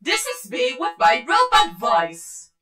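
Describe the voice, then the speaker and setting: A woman speaking slowly through a pitched-down robot voice filter with layered echo, demonstrating a voice effect. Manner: slow, flat demo phrase. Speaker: software tutorial maker.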